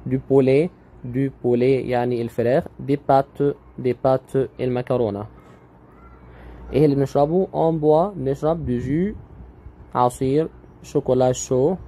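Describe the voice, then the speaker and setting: A man with an Egyptian Arabic accent teaching French grammar online, patiently repeating each word slowly. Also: mid-range voice, mellow.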